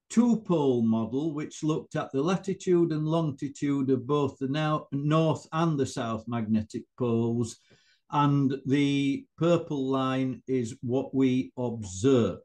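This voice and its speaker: An older man with an elderly voice gives an informal scientific presentation, halting and conversational, with asides to his listeners. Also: medium pitch, darkish tone. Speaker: presenting researcher.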